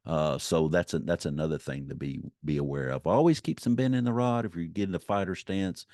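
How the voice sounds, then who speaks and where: A man speaks in an extremely deep voice, with a dry, echo-free sound. He teaches informally, like an unscripted lesson. His delivery is folksy and rambling, often looping back to restate a point. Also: darkish tone. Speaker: fly-fishing instructor. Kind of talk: informal unscripted instructional talk.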